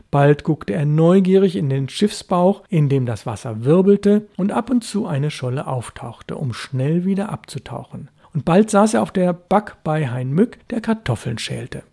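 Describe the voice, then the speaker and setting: Mellow-voiced man reading a story aloud. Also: fairly high pitch, creaky. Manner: measured storytelling. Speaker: reader. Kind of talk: literary reading.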